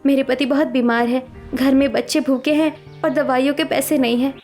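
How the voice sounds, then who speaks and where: A woman voices a poor but honest young woman in an animated story. She pleads earnestly in a high voice and keeps her speech plain and sincere. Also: normal speed, faint music behind, close to an everyday voice. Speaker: cartoon character.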